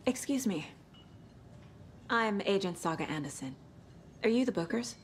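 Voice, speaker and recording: An actress playing a calm, composed female FBI agent in a video game, questioning witnesses and thinking aloud. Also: medium pitch, normal speed, slight background noise, lightly acted. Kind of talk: video game dialogue and inner monologue.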